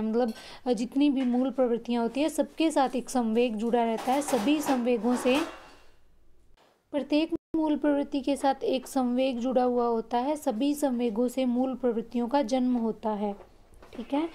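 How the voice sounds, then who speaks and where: A woman's voice: high voice, mellow. A woman teacher giving an exam-prep lesson, restating each point in simpler words and checking in often.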